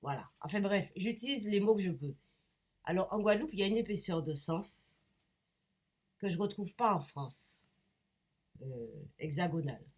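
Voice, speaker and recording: A painter and vlogger with a cold speaks directly to her viewers in a low, husky, darkish voice that is nonetheless expressive. She talks at a moderate pace with long pauses, rambling casually, hesitating and restarting with plenty of fillers as she searches for words.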